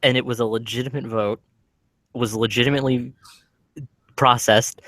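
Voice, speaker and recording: A man's voice: medium pitch, steady tone, moderate pace, a bit bright, no room sound. A man on a political podcast panel, talking casually and correcting himself often in a wry way.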